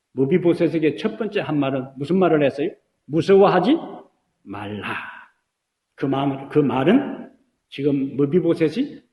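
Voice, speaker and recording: A man's voice: medium pitch, dull audio. A middle-aged male pastor preaching a sermon in a church, asking the congregation questions and building to emphatic peaks. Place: church sanctuary. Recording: echoey church hall.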